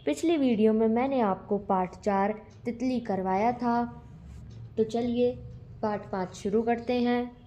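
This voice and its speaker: A woman teacher reading a school lesson aloud and going through its questions in a clear, patient way. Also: a little high, a little slow, dark tone, slight background noise. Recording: dull lo-fi recording.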